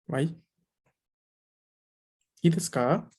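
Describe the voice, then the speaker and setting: A man's voice: a little high, extremely slow, a little mellow, breathy edge. A man teaching a beginners' Japanese class over a video call, explaining patiently with frequent check-in questions. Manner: explanatory, many filler checks. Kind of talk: online language class.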